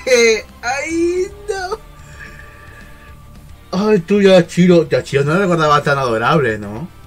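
Young guy freaking out over anime, bit high voice, loud exclamations, faint music under. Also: big pitch swings, slow pace. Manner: emotional, exclamatory, swings from shouts to murmurs. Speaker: anime reaction youtuber. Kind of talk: excited reaction commentary.

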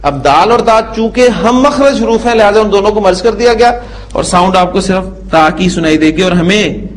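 A man giving a classroom Arabic grammar lecture. He drills word forms slowly, syllable by syllable, and keeps asking the class checking questions. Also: high-pitched, expressive, low-quality recording.

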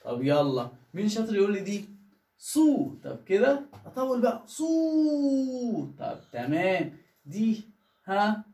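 A woman's voice: medium pitch, very animated, normal speed, warm tone, reverberant. A woman with an Egyptian Arabic accent teaching children to read, drawing out syllables and coaxing them with questions. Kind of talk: children's reading lesson.

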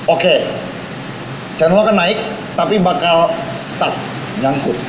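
A man, teasing and lively as a talent show judge in playful banter. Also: fairly high pitch, slow pace, echoey room, noisy background.

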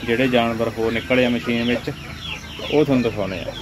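His voice is mid-range with fairly even intonation and a quick pace. He's a young adult with a Punjabi accent from India, vlogging informally on his phone at a poultry farm and addressing viewers as friends. Birds and clucking chickens fill the sheds and yard with noise.

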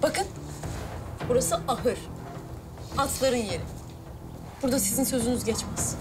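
Actress playing defiant young Zeynep. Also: female voice, a little high, measured pace, over music, close to an everyday voice. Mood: firm. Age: young adult. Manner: sharp, standing her ground. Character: young woman Zeynep, steward's daughter, proud and defiant. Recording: TV drama with loud score underneath.

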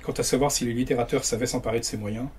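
A man reading extracts of a novel aloud at a bookshop event, steady and unhurried in tone. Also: medium pitch, a little hiss or hum. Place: bookshop reading before an audience.

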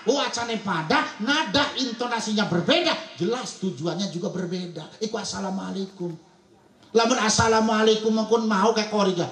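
Comic preacher with a Serang Javanese accent; high, jokey man, miked over echoing speakers at a wedding. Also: a bit bright. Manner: jokey, laughing, acts out villagers. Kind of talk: comic sermon. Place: wedding gathering. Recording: echoey event sound system.

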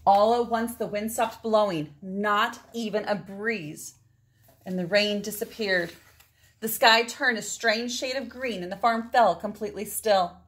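With an unhurried, mid-range voice, a woman in her forties reads a picture book to children in a small room at home. She elongates words for effect and slips in asides to the kids.

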